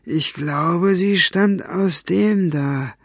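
A man's voice: extremely slow, no echo, heavily acted. A coarse, irritable henchman who grumbles in a voice pushed well above the reader's own, as a man puts him on. It sounds dry and close. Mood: grumbling. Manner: grumbling, raised pitch.

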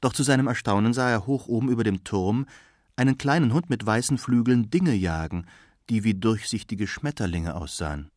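A man narrating a children's storybook in a calm, measured reading voice. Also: lowish voice, no room sound, clean studio sound.

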